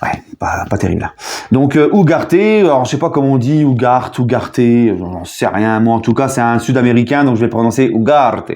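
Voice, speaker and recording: A man chatting casually in a video debrief as a football fan, jokey and animated, with sudden loud outbursts. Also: mid-range voice, fairly quick.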